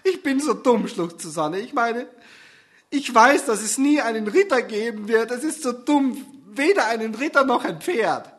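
A man's voice: high-pitched, normal speed, fairly bright tone, voice pushed up. A man voicing an anxious young woman who overthinks her relationship and turns tearful. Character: anxious, soul-searching young woman in love.

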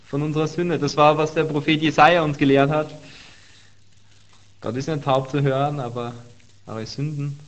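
An earnest man preaching a sermon at a mid-range pitch, reading scripture aloud and leaning on key words by repeating them. The recording sounds slightly dull and lo-fi.

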